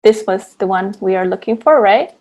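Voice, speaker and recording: A woman's voice: medium pitch, moderate pace, a little mellow, dull audio. A woman teaching a live online class on blending essential oils. She explains step by step, with frequent fillers and restarts, over a video call. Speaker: guest presenter teaching essential oil blending.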